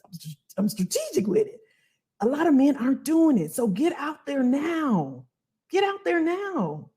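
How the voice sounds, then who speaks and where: A woman hosting a casual livestream as a financial coach, animated and colloquial, repeating phrases for emphasis. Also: sits high, a little slow. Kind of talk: casual livestream talk to viewers.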